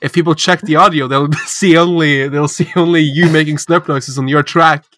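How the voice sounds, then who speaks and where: Bright-voiced Norwegian-accented man. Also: a little high, fairly even intonation, normal speed. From Norway. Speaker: podcast co-host and editor. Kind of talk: casual chat.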